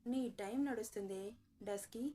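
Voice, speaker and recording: A woman's voice: moderate pace, warm tone, slight background noise, natural voice. A woman voicing a playful, teasing young husband in a romance audio story. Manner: teasing, low and husky.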